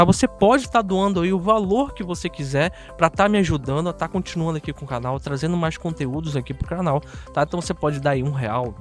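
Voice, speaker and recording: A high-pitched male voice with a Brazilian Portuguese accent. He presents a software tutorial in a casual, chatty way, speaking directly to his viewers and often tagging on little check-in questions. Faint music plays underneath. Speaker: host of an audio software tutorial channel.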